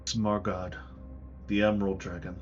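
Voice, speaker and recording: A man acts as game master, narrating fantasy scenes slowly and portentously with dramatic pauses. His voice is fairly low, over soft music in a slightly muffled recording. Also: level tone.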